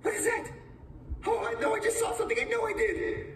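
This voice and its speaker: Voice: very high voice, little pitch movement, brisk, a bit bright, slight background noise. A performer voicing Luigi as a timid, easily scared plumber hero, whining and yelping in a fan voice-over for a video game. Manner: whiny, yelping, frantic. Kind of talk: fan voice acting over gameplay.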